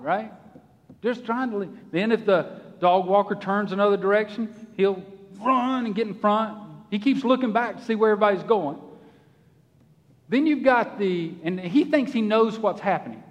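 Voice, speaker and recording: A man preaching in a church, his voice set high for his sex and ringing with a long hall reverb. He delivers a folksy, animated sermon, putting on small voices to act out his examples. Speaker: pastor.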